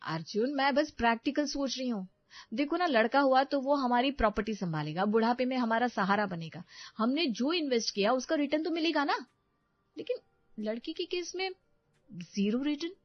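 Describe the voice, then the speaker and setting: A woman voicing a calculating young wife who weighs everything in money and speaks in a brisk, lecturing way. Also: high voice, lively intonation, dry recording. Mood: insistent. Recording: dry, dull lo-fi sound.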